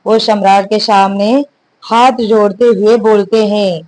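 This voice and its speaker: A storyteller reading a serialized romantic drama in a slow, even manner. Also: mid-range voice, rough recording. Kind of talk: scripted story narration.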